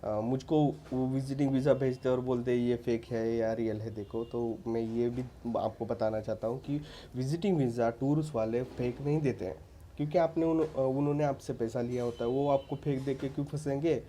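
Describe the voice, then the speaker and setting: A man's voice: mid-range voice, fairly even intonation, fairly quick, dark tone, a little hiss or hum. A man talking casually to viewers, giving practical advice in an earnest, insistent way, often tagging his sentences with an "okay". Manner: informal, repeats "ठीक है" as a tag, frequent restarts. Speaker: vlogger giving visa advice. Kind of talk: casual advice talk to camera.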